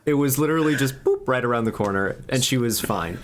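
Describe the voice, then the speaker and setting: Podcast guest, male, casual rambling storyteller, mid pitch. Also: a little fast, background noise. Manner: rambling, with many filler "like"s.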